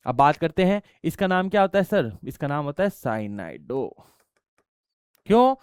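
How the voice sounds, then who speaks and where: Man, chemistry teacher, high voice, smooth, dry close sound, asks and answers his own questions. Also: sing-song, moderate pace, no room sound. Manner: explains step by step, asks students questions and answers them himself; addresses students affectionately as child. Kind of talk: classroom lecture.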